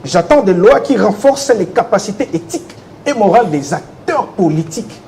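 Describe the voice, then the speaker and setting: A man's voice: sits high, animated, normal speed, darkish tone, a little hiss or hum. A man from the Democratic Republic of the Congo, answering interview questions insistently with rhetorical questions. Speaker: interviewee, legal commentator.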